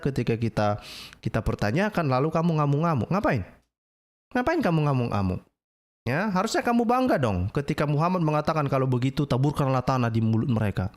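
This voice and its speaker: A man with an Indonesian accent hosting a livestream, talking in an argumentative, mocking way and challenging his audience. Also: on the high side. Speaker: livestream host.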